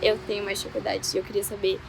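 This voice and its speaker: A woman's voice: medium pitch, completely flat delivery, fast, vocal fry. A woman student asking a question, recorded from a distance with faint traffic behind.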